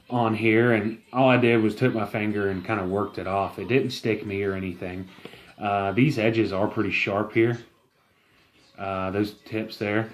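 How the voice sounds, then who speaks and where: A man giving a casual, rambling product review, enthusiastic but halting and full of fillers. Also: fairly low pitch.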